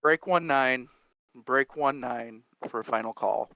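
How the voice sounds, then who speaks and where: A man making a solemn, drawn-out ceremonial call over CB radio, with muffled radio sound. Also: medium pitch, no room sound. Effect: CB radio transmission. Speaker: trucker giving a memorial final call.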